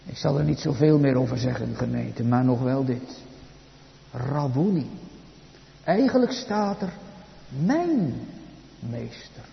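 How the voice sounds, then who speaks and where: A man preaching a sermon in a slow, solemn way, his voice swelling and dropping for drama. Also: medium pitch, animated, vocal fry. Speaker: pastor. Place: church. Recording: echoey church hall, dull sound.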